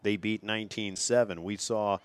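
A man announcing a local high school football broadcast, steadily reading off player names and opponent stats. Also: fairly even intonation, moderate pace, clean tone. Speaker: play-by-play announcer. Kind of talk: local sports broadcast commentary.

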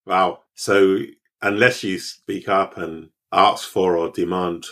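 Speaking slowly in a low, fairly bright voice with fairly even intonation, this male podcast host keeps affirming his interview guest. He chimes in often with encouragement and poses reflective follow-ups.

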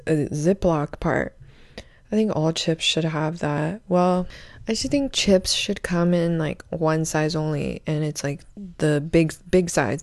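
A young woman hosting a podcast, rambling through a crude, self-mocking comedic monologue in a deadpan way. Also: low voice, dry recording, clean studio sound. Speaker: podcast host.

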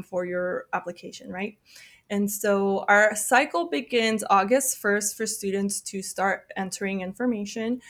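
A woman admissions officer talking through a podcast interview at a middle pitch. She explains patiently, fills pauses with "um" and checks in with "right?". Her phrase endings often fade to almost nothing. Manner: explains with frequent ums and rights.

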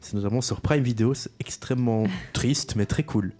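A young man co-hosting a casual chat show, relaxed and joking. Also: medium pitch, normal speed. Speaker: co-host.

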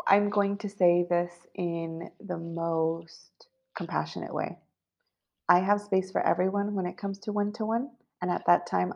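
A woman's voice: lowish voice, vocal fry, a little mellow, lo-fi sound. A woman guest on a podcast interview, speaking with confident, assured, spiritual phrasing. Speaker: guest, business coach.

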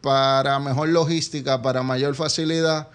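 A man's voice: medium pitch, steady tone, normal speed, clean tone. A man with a Caribbean Spanish accent from the Dominican Republic, speaking conversationally as an interview guest. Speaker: interview guest, advertising company businessman.

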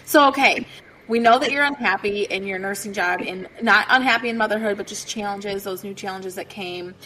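Woman, podcast host, chatty, casual, mid-pitched voice, lots of fillers. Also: brisk, pushed and bright, slight background noise, low-quality recording. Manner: chatty, peppered with "like".

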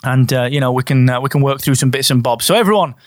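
A man's voice: medium pitch, fast, dry recording, studio quality. A man from Barnsley, England, hosting his own solo business podcast in a chatty, straight-talking way. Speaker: podcast host.

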